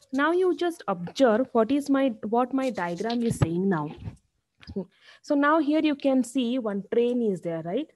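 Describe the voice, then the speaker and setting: A woman lecturer with an Indian accent and a slightly high voice. She explains step by step in a classroom lecture style, like a professor teaching from slides, and often checks in with a short tag question. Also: a little mellow, poor audio.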